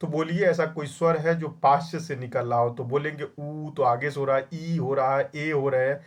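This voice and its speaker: A man's voice: fairly high pitch, fairly even intonation, normal speed. Young male tutor, scolds and drills, repeats each question back to the class. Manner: scolding, calls students "my child". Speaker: exam-prep Hindi grammar teacher. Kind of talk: online class lecture.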